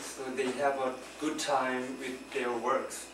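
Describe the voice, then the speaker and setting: A young student with a Korean accent nervously and hesitantly presents vocabulary to his class, captured from a distance in a roomy, noisy classroom. He speaks unhurriedly at medium pitch with a flat delivery.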